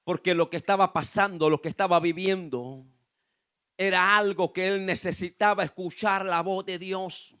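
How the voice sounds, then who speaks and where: A man's voice: sits high, fairly even intonation, moderate pace, pushed and bright, clear, resonant tone. A pastor preaching a sermon to his congregation, repeating phrases with fervor and frequent calls of "aleluya". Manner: rhetorical questions and repetition.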